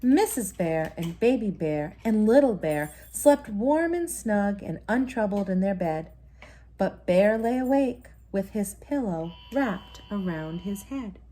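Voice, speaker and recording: Reading a bedtime picture book to her child at home, a woman in her thirties hits the sound words with dramatic emphasis. She speaks slowly with lively intonation in a medium-pitched, dark voice, recorded indoors in a noisy room.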